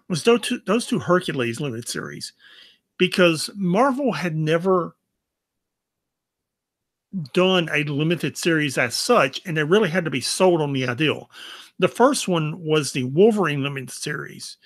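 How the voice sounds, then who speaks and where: A man's voice: fairly high pitch, fairly bright tone, no echo, clean studio sound. A man co-hosting a comic book podcast, talking casually and with enthusiasm about back issues. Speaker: podcast co-host.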